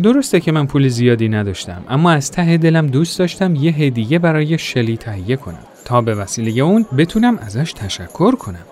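A man reading a first-person story aloud in a gentle, reflective way. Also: a little high. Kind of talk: scripted narration of a story. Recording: soft music behind the voice.

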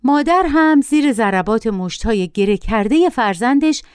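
A middle-aged woman reading a first-person story with animated delivery, her pitch rising and falling freely. Her voice is smooth, clear and a little high. The sound is close and dry. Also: dry recording.

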